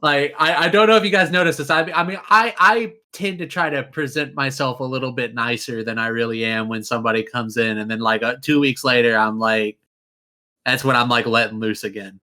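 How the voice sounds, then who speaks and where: A man's voice: mid-range voice, fairly even intonation, brisk, pushed and bright. A man with a Kentucky accent, chatting casually, often laughing and stammering as he starts his sentences. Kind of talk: casual chat.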